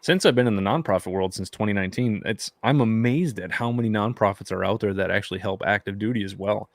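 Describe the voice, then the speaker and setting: A podcast host with a fairly low-pitched male voice chats casually in an interview for a veterans' podcast. He talks fast and loosely, packing his speech with fillers, and the recording is dry.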